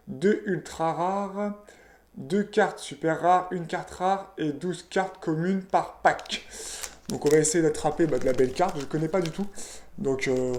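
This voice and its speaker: A man's voice: on the high side, a little mellow, a little hiss or hum. Chatty man opening cards in a roomy space. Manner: chatty, reads card names aloud with frequent "voilà" and "ok". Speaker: card-opening video host. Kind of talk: casual unboxing commentary. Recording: roomy echoey room.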